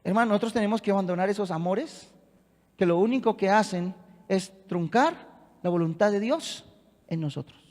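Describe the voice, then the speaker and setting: A man's voice: high-pitched, moderate pace, darkish tone, long reverb tail. A man preaching a sermon as pastor, emphatic and rousing, calling on the congregation to answer back.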